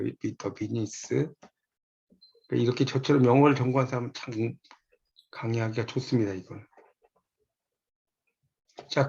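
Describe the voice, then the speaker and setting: A man's voice: mid-range voice, highs cut off. A man giving a university lecture from a textbook, patiently telling students which pages and lines to look at.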